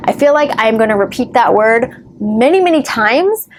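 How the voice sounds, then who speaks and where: A woman's voice: on the high side, animated, moderate pace, slight background noise. A woman giving earnest, reassuring advice straight to camera as a recovery vlogger, with the odd wry joke. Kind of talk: encouraging direct-to-camera advice.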